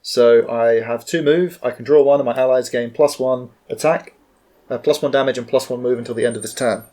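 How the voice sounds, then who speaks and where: Man, tabletop player, grumbly, casual chat, mid-pitched. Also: fairly even intonation, a little fast, dark tone. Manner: grumbling, self-deprecating. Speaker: board game player.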